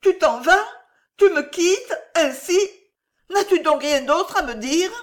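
Casting: woman voicing a passionate young woman, high and emotional, with a lively, swooping voice, for a storybook. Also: moderate pace. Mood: desperate. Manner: emotional, pleading. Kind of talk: audiobook character reading.

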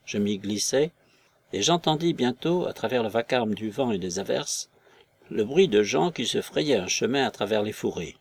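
Man, audiobook narrator, measured literary reading, mid-pitched, dry close sound. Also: slightly rough, no room sound.

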